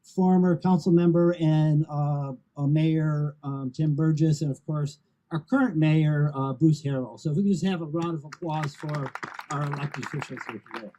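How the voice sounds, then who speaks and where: A man, the head of a housing nonprofit, delivers measured prepared remarks at an outdoor ceremony and fills his pauses with ums and uhs. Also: fairly high pitch, steady tone, dark tone, muffled recording, slight background noise.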